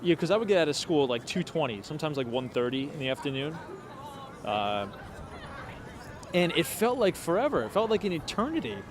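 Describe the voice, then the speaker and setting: A man's voice: on the high side, very animated, fairly quick, crowd noise. Chatty man in his late twenties, street noise. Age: 20s. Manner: chatty, thinking aloud with fillers and asides to viewers. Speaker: livestream walking vlogger. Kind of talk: casual livestream chat while walking. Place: outdoors on cold city streets at night.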